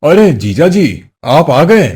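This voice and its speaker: A polite young brother on a visit, from a storybook cartoon, acted by a man. He speaks hesitantly, and his pitch rises and falls a lot. His voice sits fairly high for a man. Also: sing-song, slow, a little mellow, slightly rough, full character voice.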